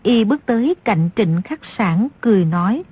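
A woman reading scripted narration as an audiobook narrator, telling the story at a steady pace, in a slightly dull recording. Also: medium pitch, normal speed, slightly rough.

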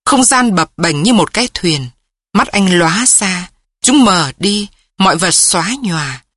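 Slow, breathy woman reading a sad story. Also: medium pitch, no room sound, studio quality. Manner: slow, mournful, measured. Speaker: narrator.

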